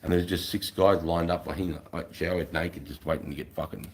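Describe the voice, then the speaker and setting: A man's voice: sits low, fairly even intonation, brisk, a little hiss or hum. An Australian man chatting casually on a livestream in a blokey, sweary way full of mates and bros. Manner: blokey, frequent swearing and mate-bro slang. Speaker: livestreamer, former infantry soldier.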